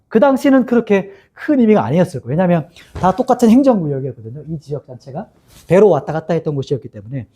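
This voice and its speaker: Lively high-voiced male pastor preaching. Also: slightly rough. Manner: lively, asks the congregation questions and acts out quotes; reads scripture aloud. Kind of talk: sermon.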